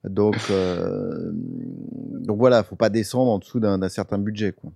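Parisian man, low voice, dry close sound, chatty guitar guest in a podcast. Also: steady tone, a little slow, gravelly, warm tone, slightly rough, no echo. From Paris, France. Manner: chatty, many fillers and restarts, laughs easily. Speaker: guest guitar expert with a guitar channel. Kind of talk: casual podcast chat.

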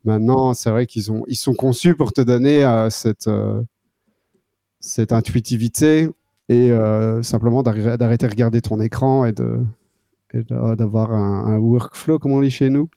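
A man's voice: mid-range voice, steady tone, normal speed, creaky, warm tone, dry recording. A man from southern Belgium, a guest on a live stream, talking casually with lots of fillers and restarts. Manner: hesitant, many fillers and restarts. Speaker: guest, synth controller maker.

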